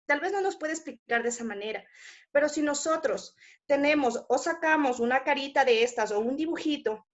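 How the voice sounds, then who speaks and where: Ecuadorian woman intern, high voice, explaining and quizzing the class, muffled lo-fi sound. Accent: Ecuadorian Spanish. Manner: explanatory, asks the audience, frequent fillers and tag questions. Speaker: hospital intern presenting to classmates. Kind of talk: class presentation. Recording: muffled lo-fi audio.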